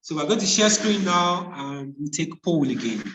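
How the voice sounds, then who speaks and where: A man's voice: on the high side, animated, normal speed, a bit bright, a little hiss or hum. A man working as a first aid trainer, narrating a live hands-on demonstration step by step and repeating key points. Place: indoor room, speaking away from the mic. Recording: echoey room, distant microphone.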